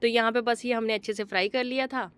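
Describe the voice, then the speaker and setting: A woman's voice: fairly high pitch, fairly even intonation, fast talker, a bit bright, clear, resonant tone, dry recording. A woman in her thirties, a mother and homemaker, narrating her day in a chatty, homely vlog voice-over with many fillers.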